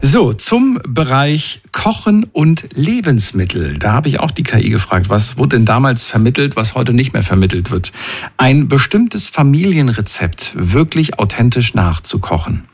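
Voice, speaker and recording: A man's voice: mid-range voice, big pitch swings, moderate pace, slightly rough. A man hosting a radio phone-in show from the studio, chatting casually with callers and listeners. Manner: chatty, warm-hearted asides.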